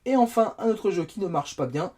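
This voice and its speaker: Here a man gives laid-back game-testing commentary on a phone he is reviewing, poking fun at himself along the way. The voice is high, expressive and brisk, with a darkish tone. Slight background noise sits under the recording.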